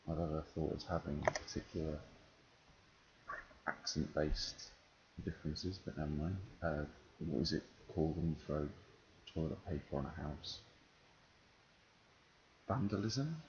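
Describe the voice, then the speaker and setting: Deep-voiced, dryly deadpan man from northern England. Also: vocal fry. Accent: English, London-softened with slight northern touches. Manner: hesitant, dry, deadpan humour. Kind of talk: casual answers to an accent questionnaire. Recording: dull, noisy home recording.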